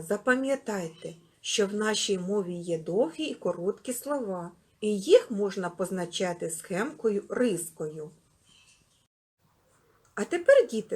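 A kindergarten teacher, a woman, giving a literacy lesson to small children in a lively, sing-song way. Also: mid-range voice, husky.

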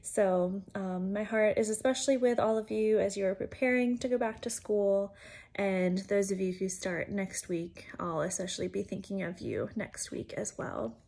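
A woman's voice: medium pitch, moderate pace, creaky, a little mellow. A woman who works as an educator, giving an informal church devotional in a chatty, conversational way with frequent fillers.

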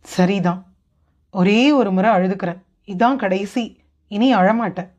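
A woman's voice: medium pitch, a little slow, a little mellow, muffled recording, natural voice. A woman voicing a grief-stricken young man who pleads in sorrow, read as part of an audiobook. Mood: resigned.

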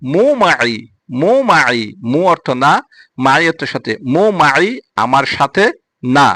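A man with a Bangladeshi accent teaching spoken Arabic phrases, repeating each word and its meaning in a slow drill. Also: medium pitch, sharp tone, no room sound. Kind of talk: spoken language lesson.

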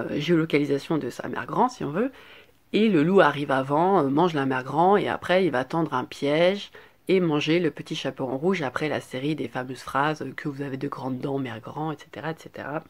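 A channel host reading a classic fairy tale in a steady, measured voice. Now and then the reading stops for casual asides that explain old words, loosely phrased with fillers. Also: medium pitch.

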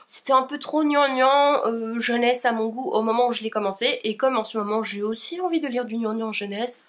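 A young woman from Belgium, chatting casually about her reading pile with many hesitations. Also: on the high side. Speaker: book YouTuber. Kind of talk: casual book haul chat.

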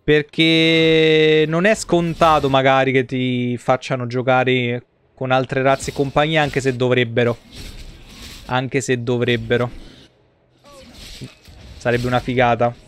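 Streaming from an indoor room, an Italian man gives casual, slangy, colloquial live commentary on his gameplay. His medium-pitched voice is level and slow, with frequent pauses, and there's a little hiss or hum in the audio.

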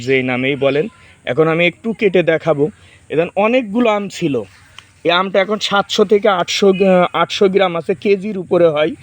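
High voiced guy in his 30s from bangladesh, chatty, outdoors in a garden. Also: highs cut off. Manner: chatty, explains while directing children. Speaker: farming vlogger. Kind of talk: casual outdoor demo chat.

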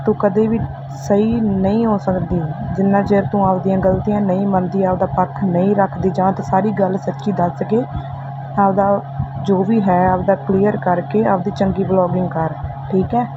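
A woman's voice: mid-range voice, flat delivery, normal speed. A woman delivering heated reaction commentary to another vlogger, scolding and confrontational, often tagging her points with a questioning "okay?". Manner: scolding, confrontational, repeats "theek hai?". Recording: tinny phone-like audio with faint hiss.

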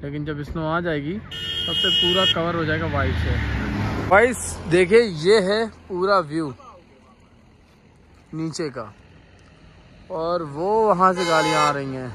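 A male travel vlogger in his 30s gives bright, eager narration on a phone camera outdoors, on hill roads and in a car. His voice is on the high side and slow with long pauses as he enthusiastically points things out to viewers in casual vlog style. Traffic, engine, road and wind noise are clearly audible behind him.

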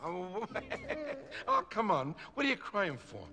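A man voicing a big, timid, friendly male cat in an animated film, giggling and rambling gently. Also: high voice, moderate pace, creaky, exaggerated voice. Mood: coaxing. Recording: orchestral film score behind.

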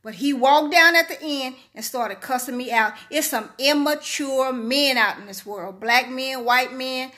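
A woman's voice: high-pitched, measured pace, hardly any pauses, pushed and bright. A middle-aged woman vlogger speaking straight to her viewers in a preachy, repetitive monologue. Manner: preachy, repeats herself, talks straight to viewers. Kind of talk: casual monologue to camera.

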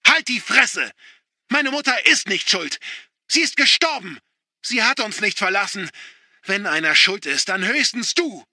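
A man reading an audiobook, voicing a hurt young man who defends himself against his father and shouts back. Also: medium pitch, lively intonation, measured pace, slightly rough, dry recording, clean studio sound, heavily acted. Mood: defiant arguing.

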